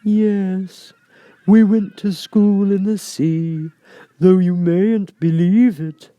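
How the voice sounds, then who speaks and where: A man voicing a mournful, self-pitying old turtle creature in a storybook reading, with drawn-out, sighing, doleful delivery. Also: high voice, fairly even intonation, warm tone, no room sound, dull audio, voice pushed up. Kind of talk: storybook character voice.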